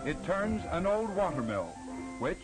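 A man narrating an old 1940s wartime newsreel in a measured, formal, polished manner, with music playing loudly behind him. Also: high voice, big pitch swings. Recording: narration over loud background music.

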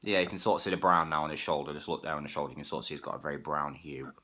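A man's voice: a bass voice, fairly even intonation, racing, pushed and bright. A man with a cold, rambling through a casual toy review, stumbling and correcting himself as he goes. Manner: rambling, self-correcting, stumbles over words. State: has a cold, sniffling.

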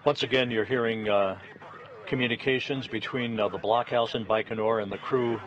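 A man giving live launch commentary from mission control in a halting, deliberate, matter-of-fact way. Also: medium pitch, fairly even intonation. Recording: dull broadcast audio, faint noise.

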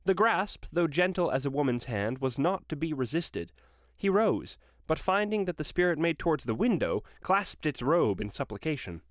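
A man reading a classic story aloud with expressive, varied delivery. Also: fairly high pitch, normal speed, dry recording, studio quality. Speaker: reader.

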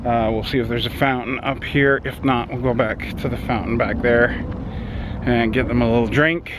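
A man's voice: mid-range voice, fairly even intonation, moderate pace. A middle-aged man chatting casually to a handheld camera while walking his dogs outdoors on a desert trail. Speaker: vlogger. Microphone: handheld camera at arm's length. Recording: outdoor traffic noise. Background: outdoor ambience with distant traffic.

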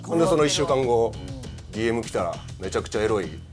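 A man's voice: mid-range voice, big pitch swings, fast talker, over music. A man, a comedian telling a self-mocking story in a laid-back way. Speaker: comedian contestant. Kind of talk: comic storytelling.

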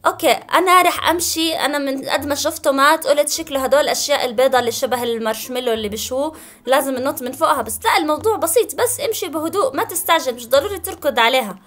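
A woman, commenting on a video game as she plays, excitable and given to shrieks and laughs. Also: high voice, rapid-fire. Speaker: gamer. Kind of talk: let's play commentary.

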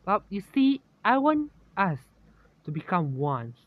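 A woman's voice: medium pitch, very animated, slow, no echo, narrow, tinny audio. A man voicing a smug, teasing girl spirit in a fan story, talking in a casual, chatty way.

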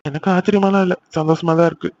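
Guy doing a playful teasing young husband, cartoon, rattles along fast, muffled audio. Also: high-pitched, fairly even intonation, darkish tone, close to an everyday voice. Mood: coaxing. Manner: teasing, coaxing. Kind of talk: cartoon voice acting.

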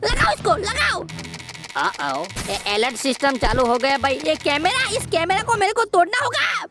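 A woman voicing an excitable, boastful boy cartoon hero while commenting on a game, teasing and shouting at the villain. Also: extremely high pitch, moderate pace, heavy background noise, heavily acted. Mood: excited. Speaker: gameplay commentator. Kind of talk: playful gameplay commentary in character.

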